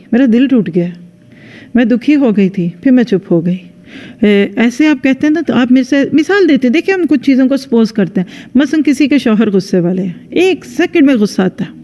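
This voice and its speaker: A woman's voice: a little high, mellow. A woman religious teacher giving a conversational lecture into a microphone, speaking straight to her listeners and acting out sample dialogues. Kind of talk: religious lecture to a women's audience. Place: lecture venue with a live audience. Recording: dull lo-fi sound with long hall reverb.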